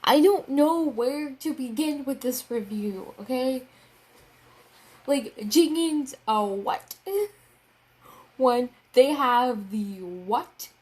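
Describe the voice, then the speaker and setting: A woman's voice: high-pitched, expressive, slow pace, darkish tone. A young woman reviewing a manga chapter in a casual, rambling way, getting worked up, swearing and repeating herself.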